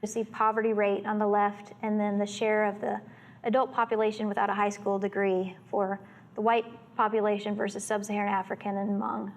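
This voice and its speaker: Brief: woman researcher, mid-pitched, flat matter-of-fact delivery of statistics. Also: brisk. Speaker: researcher presenting data. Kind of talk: presentation.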